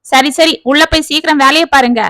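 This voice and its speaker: A woman's voice: high voice, fairly even intonation, brisk, pushed and bright, dry recording. Woman doing a stern scolding shop boss. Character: stern middle-aged male shop owner, scolding boss.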